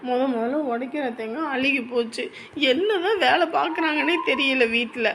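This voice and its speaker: An anxious young bride. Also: female voice, high-pitched, moderate pace, fairly bright tone, slight background noise. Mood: worried. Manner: fretful, then scolds her mother.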